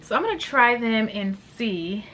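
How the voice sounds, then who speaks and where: A woman's voice: fairly high pitch, animated, moderate pace, fairly bright tone, a little hiss or hum. A woman in her late twenties chatting casually and gushing in slangy terms while reviewing perfumes for her vlog. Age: late 20s. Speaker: beauty vlogger.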